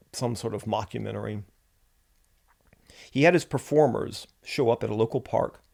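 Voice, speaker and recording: A man's voice: medium pitch, creaky. A man, a writer, delivering a reflective spoken essay in a musing, wry and self-deprecating way.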